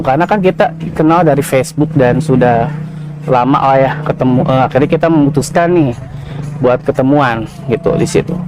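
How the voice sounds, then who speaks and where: A man's voice: medium pitch, noisy background. A man, a podcast guest telling his personal story in casual, slangy, confessional talk. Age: 30s.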